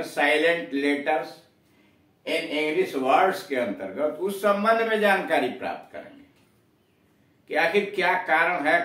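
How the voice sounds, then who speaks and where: A man's voice: on the high side, fairly bright tone. A man teaching an English lesson, spelling out each word letter by letter and then giving its meaning. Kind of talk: spoken language lesson. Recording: echoey room from far off.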